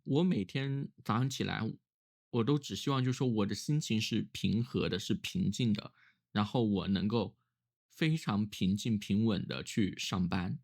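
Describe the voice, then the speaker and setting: A man's voice: lowish voice, gravelly. A man who is ill with a cough, talking casually and reflectively on his own in a weary, musing way, as a solo vlogger.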